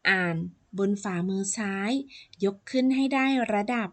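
A woman teacher reading a lesson for children in a slow, careful way. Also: mid-range voice.

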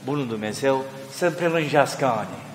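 A man's voice: medium pitch, lively intonation. An older man, an archimandrite, giving a fervent storytelling sermon to pilgrims in a monastery church. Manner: fervent, storytelling, quoting people in emotional voices. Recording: echoey hall, faint ambient noise.

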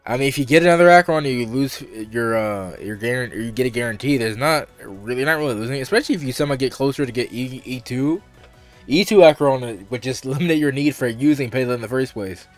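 A man's voice: medium pitch, quick pace. Rambling male game streamer. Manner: rambling, restarts sentences, thinks aloud. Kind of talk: casual gaming commentary. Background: faint game music.

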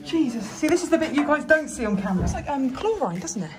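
A woman vlogging as she explores, chatty and easily excited, out of breath from climbing and laughing often. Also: sits high, quick pace, over music. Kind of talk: casual vlog narration while exploring.

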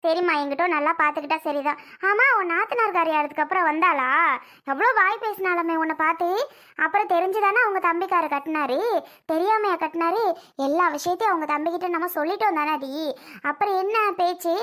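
Bossy protective sister-in-law , played by a child, high, bright, firm. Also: a little fast. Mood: concerned. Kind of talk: homemade family drama.

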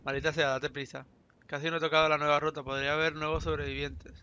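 A man's voice: a little high, level tone, fast, sharp tone, lo-fi sound, slight background noise. A man from with a sore throat, chatting casually through a let's play and reading the game's text aloud. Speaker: gaming YouTuber.

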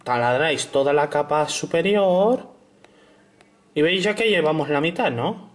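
A young man narrates his puzzle game playthrough in a high, light voice. He takes his time between remarks, cracking jokes and humming silly syllables while he plays. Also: animated, measured pace. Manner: playful, hums and sings nonsense syllables, jokey asides. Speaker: gameplay narrator. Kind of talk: narrated let's play commentary.

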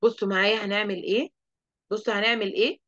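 A woman with an Egyptian accent teaching an online lesson to young children, lively and asking the class questions she then answers. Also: medium pitch, rapid-fire, lo-fi sound. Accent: Egyptian Arabic. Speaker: primary school teacher.

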